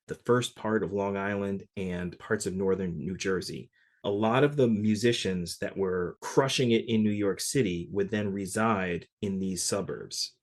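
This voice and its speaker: A man from Connecticut, a session percussionist, telling stories in a relaxed interview with lots of "like" fillers. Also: on the low side. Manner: relaxed, chatty, frequent "like" fillers. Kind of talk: casual interview storytelling.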